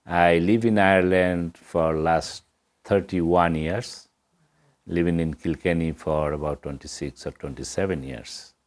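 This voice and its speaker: A man's voice: sits low, steady tone, measured pace. A middle-aged man from Bangladesh, speaking earnestly in as an interview guest. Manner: earnest, plain-spoken, non-native English grammar. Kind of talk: interview answers.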